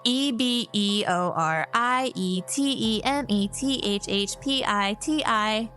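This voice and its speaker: A woman's voice: on the high side, faint music behind. Woman doing a glitching broken robot. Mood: malfunctioning. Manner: slow, flat letter-by-letter readout. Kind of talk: podcast chat.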